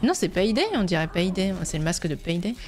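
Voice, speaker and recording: A woman's voice: fairly low pitch, expressive, fairly quick, faint music behind. A woman chatting casually as a live streamer, informal and sweary in her reactions.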